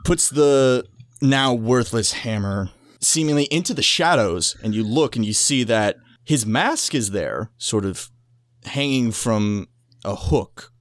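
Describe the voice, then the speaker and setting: A man's voice: mid-range voice, animated, slow, no echo, clean studio sound. A man playing a tabletop role-playing game, describing his character's actions as improvised storytelling.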